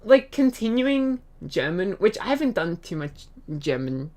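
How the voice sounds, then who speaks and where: A woman's voice: medium pitch, big pitch swings, measured pace, a little mellow. Giggly rambling Australian woman streamer. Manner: giggly, rambling, many fillers and restarts. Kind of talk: casual chat reading chat messages.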